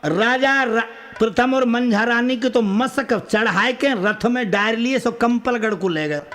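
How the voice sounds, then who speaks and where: High-voiced rustic male folk storyteller. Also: soft background music. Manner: lively dialect narration, breaking into drawn-out song. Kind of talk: rural folk tale telling with sung refrains.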